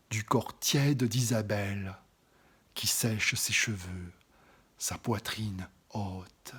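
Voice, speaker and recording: A man with a fairly low, breathy voice performs a poem slowly and with drama. Some lines drop to a close, intimate whisper while others grow louder.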